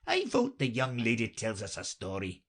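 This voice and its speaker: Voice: mid-range voice, huge pitch swings, normal speed. A reader voicing a rude, impatient hare who speaks bluntly and sounds bored.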